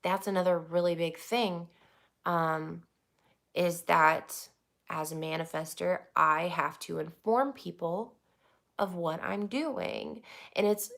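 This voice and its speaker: Young woman, lowish voice, loose rambling vlog chat with casual swearing. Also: creaky. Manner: rambling, swears freely, laughs often. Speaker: YouTuber.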